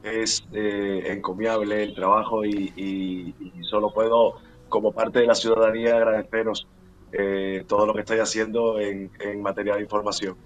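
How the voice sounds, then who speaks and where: A man's voice: fairly low pitch, flat delivery, moderate pace, dull audio. A middle-aged man from Cuba, an actor and playwright, answering interview questions with many fillers and restarts.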